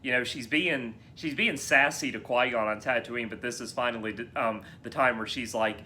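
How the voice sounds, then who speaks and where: A man co-hosting a relaxed movie podcast, with a bright, forward voice. He talks in long, eager runs and often restarts his phrases. A faint hiss and a low rumble sit under the recording. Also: moderate pace. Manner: animated, rambling with many restarts. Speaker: podcast co-host. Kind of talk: casual film discussion chat.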